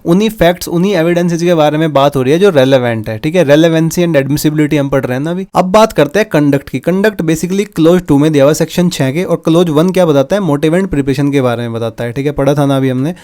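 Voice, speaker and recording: Man, law lecture, higher-pitched voice, explains with examples, frequent check-ins. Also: fast, few pauses, darkish tone. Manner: repeats "theek hai" to check understanding; mixes English legal terms into Hindi. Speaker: law teacher.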